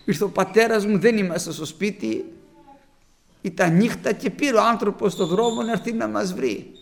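A man's voice: high voice, creaky. A man preaching a testimony sermon to his congregation, telling a childhood story with fervent, rising emphasis.

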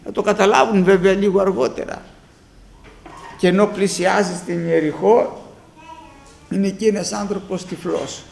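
A man preaching a sermon, moving between hushed storytelling and fervent, shouted exhortation. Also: high-pitched, steady tone, gravelly, long pauses.

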